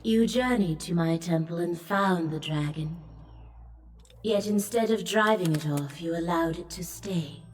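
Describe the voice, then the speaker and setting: An actress playing a regal, motherly sky goddess in a fantasy game, speaking in a solemn, lofty, measured goddess voice. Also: on the low side, darkish tone, recorded from a distance, lightly acted. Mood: grave, sorrowful. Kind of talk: fantasy video game voice acting. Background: game music.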